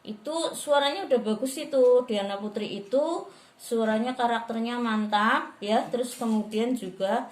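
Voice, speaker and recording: Lively woman lecturer in an echoey room. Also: on the high side, moderate pace. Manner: lively, models speech intonation aloud. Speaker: lecturer in rhetoric. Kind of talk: classroom lecture.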